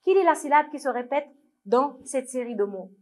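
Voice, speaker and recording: A woman teacher with a Moroccan accent, slowly sounding out words and syllables for young children to repeat. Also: sits high, animated, darkish tone. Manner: slow, clearly syllabled, repeating words for children to read along. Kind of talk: French lesson for young children.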